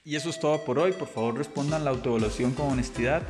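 A man teaching a music lesson, patiently explaining rhythm exercises and counting beats aloud. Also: mid-range voice. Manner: patient, slow, counts beats aloud and demonstrates claps and shushes. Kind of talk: explanatory lesson audio for students.

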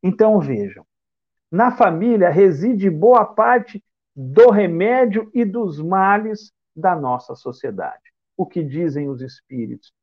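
Slow and expressive, a high-sitting male voice delivers a reflective spiritist lecture built around rhetorical questions. He is Brazilian, from São Paulo state, and speaks Brazilian Portuguese. The recording loses its high frequencies.

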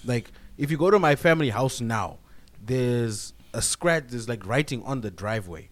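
A man's voice: medium pitch, animated, normal speed. A man from Zimbabwe co-hosting a podcast, telling childhood stories in a laughing, self-mocking way. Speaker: podcast co-host. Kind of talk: casual podcast chat.

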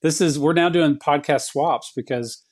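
A man's voice: fairly high pitch, moderate pace, darkish tone, husky. A man hosting a podcast, talking in a casual, upbeat and friendly way with frequent fillers. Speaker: podcast host. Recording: music bed behind the voice. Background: background music.

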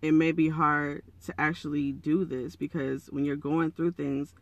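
A man with a raspy, froggy morning voice, slightly hoarse, giving a casual, earnest and encouraging monologue as a podcast host. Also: on the high side, level tone, a little slow, no room sound, lo-fi sound.

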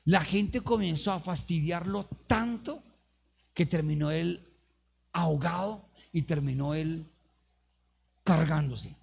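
A man preaching an energetic sermon, acting out quotes and calling on the congregation to respond. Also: a little high, slow, creaky, pauses often, slight background noise. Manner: animated preaching with acted-out quotes and calls to the congregation. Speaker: youth pastor.

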